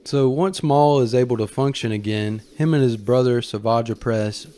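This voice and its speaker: A man's voice: medium pitch, normal speed, dark tone. Male fan commentator, mid-range voice, casual storyteller with colloquial asides and emphatic stresses.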